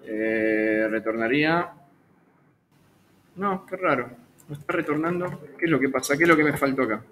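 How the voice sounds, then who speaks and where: A man's voice: mid-range voice, moderate pace, a bit bright, slight background noise. A man teaching a live online programming class, chatty and correcting himself with small jokes at his own slips.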